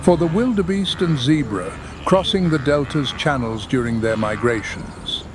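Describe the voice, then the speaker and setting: A man narrating a scripted nature documentary in a measured, dramatic delivery. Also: a little high, expressive, noisy background. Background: background music.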